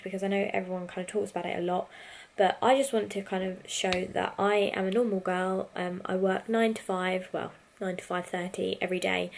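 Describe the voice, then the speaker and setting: A woman's voice: medium pitch, vocal fry, darkish tone, a little hiss or hum. A young British woman vlogging from her bedroom, chatting candidly and rambling a little into a handheld camera. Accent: British English. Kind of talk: casual chatty vlog. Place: bedroom at home. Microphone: handheld compact camera.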